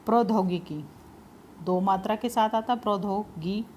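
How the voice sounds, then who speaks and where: A woman's voice: mid-range voice, a little mellow, a little hiss or hum. Lady teacher going over spellings, patient, says every bit twice, mid voice. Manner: patient, spells words out slowly, repeats key points. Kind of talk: spelling lesson for exam prep.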